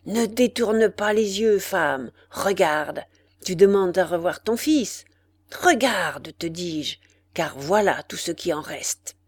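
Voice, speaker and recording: A woman voicing a sinister little demon man with a hoarse, muffled, mocking voice in a storybook reading. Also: fairly low pitch, lively intonation, takes it slowly, no room sound, full character voice. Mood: menacing. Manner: mocking and menacing.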